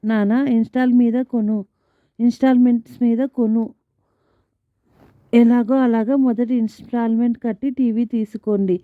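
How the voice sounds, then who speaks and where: A woman voicing a sharp-tongued young married daughter who talks in a sarcastic, curt way. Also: on the high side, fairly even intonation, moderate pace, long pauses, no room sound, lightly acted. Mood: pleading. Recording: tinny phone-like band, dry.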